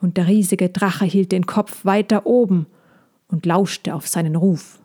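A woman reading a children's story aloud, calm and unhurried, with brief livelier character lines. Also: on the low side.

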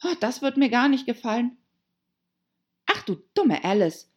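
A woman's voice: a little high, sing-song, a little slow, breathy edge, muffled recording, pitched above the performer's own voice, full character voice. Woman playing fretful girl Alice. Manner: anxious, stammering self-talk. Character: girl Alice, worried and chattering to herself. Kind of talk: audiobook character voice.

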